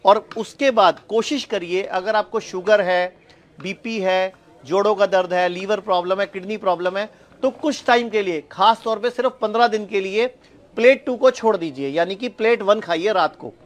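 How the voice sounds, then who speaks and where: A man with a notably high-pitched voice explains diet advice in a steady, teaching manner. He often rephrases his points to make them clear as he speaks to the camera. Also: moderate pace. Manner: explanatory, repeats points with "yani ki". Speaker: health speaker. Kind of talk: health talk to camera. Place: outdoors on a hospital campus.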